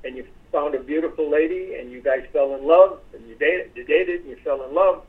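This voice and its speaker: A man's voice: a little high, a little fast. A man hosting a sales conference call, praising his team effusively and giving a motivational talk. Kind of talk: casual motivational speech. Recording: tinny phone line.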